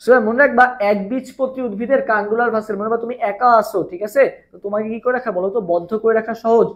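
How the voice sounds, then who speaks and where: A man's voice: very high voice, fairly even intonation, quick pace. A young man from Bangladesh teaching a live online biology revision class, repeating questions and answers and asking viewers to comment.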